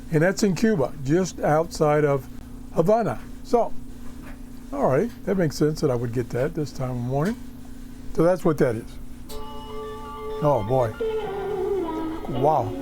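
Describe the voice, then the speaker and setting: A man giving casual, off-the-cuff commentary while tuning in a shortwave radio, halting and muttering to himself with folksy exclamations. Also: a little high, lively intonation, dark tone, soft background music. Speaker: radio hobbyist demonstrating a shortwave receiver. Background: shortwave radio being tuned in.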